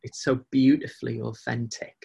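A man's voice: medium pitch, fairly even intonation, moderate pace, vocal fry, a little mellow, breathy edge, muffled recording. A man in casual, reflective conversation as an interview guest, speaking hesitantly and often repeating phrases as he goes. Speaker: podcast guest, agile coach.

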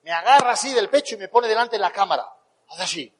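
A man with a Spain Spanish accent giving a motivational talk, telling animated stories and acting out the dialogue. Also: sits high, quick pace, big-room sound, slight background noise, low-quality recording. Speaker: motivational speaker.

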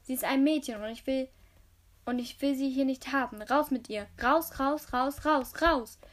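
A woman putting on a raging, bossy boy who shouts down everyone around him, voice pitched up high and pushed loud. He rants in short, repeated bursts, like a child throwing a tantrum, in an amateur audiobook reading. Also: normal speed, close to an everyday voice. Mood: furious ranting. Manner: shouting, ranting. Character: furious bossy boy ruler of an island.

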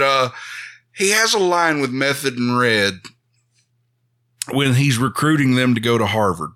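A man co-hosts a casual podcast and tells his stories with animated energy. His voice is bright and forceful and sits somewhat high for a man. He laughs along as he talks. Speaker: podcast co-host. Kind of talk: casual chat.

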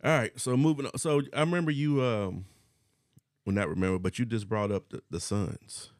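A man hosting a casual podcast, animated and acting out what he once said. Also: lowish voice, moderate pace, no room sound, studio quality. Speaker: podcast host.

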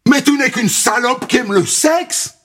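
A man's voice: unhurried, a bit bright, slightly rough, heavily acted. A man voicing a cruel, shrieking foster mother who spits insults. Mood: vicious. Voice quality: shrill, spiteful.

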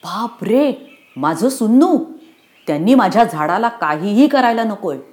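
A woman voicing a brave young village girl on crutches, in a storybook reading, speaking in a high, urgent and pleading way. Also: expressive, measured pace, darkish tone, natural voice. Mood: frightened.

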